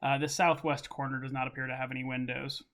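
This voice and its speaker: A man's voice: mid-range voice, level tone, fast, a bit bright. A man narrating as game master in a tabletop game, often stumbling and restarting as he describes the scene.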